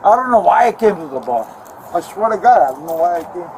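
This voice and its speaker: An agitated man keeps repeating his story to an officer. He was recorded outdoors on a police body camera, with clear street and traffic noise behind him. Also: high-pitched, big pitch swings, quick pace, a little mellow, rough recording. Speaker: assault victim. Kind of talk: talking to police. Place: outdoors by a road. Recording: bodycam audio, street noise.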